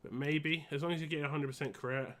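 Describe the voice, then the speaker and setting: A man live-streaming a game in casual, rambling and halting chat, wheezy and short of breath with a cold. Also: on the high side, fairly even intonation.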